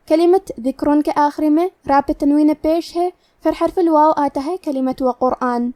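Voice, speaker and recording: A woman teaching Quran recitation rules letter by letter, reciting verses slowly and drawn out between her explanations. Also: high voice, warm tone, no echo, studio quality. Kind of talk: tajweed lesson with slow recitation.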